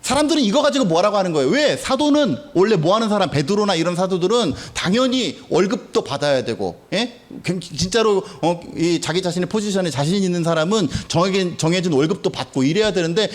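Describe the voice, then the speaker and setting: A man's voice: sits high, big pitch swings, fairly quick, few pauses. A male pastor preaching a sermon in a conversational, storytelling way, full of rhetorical questions.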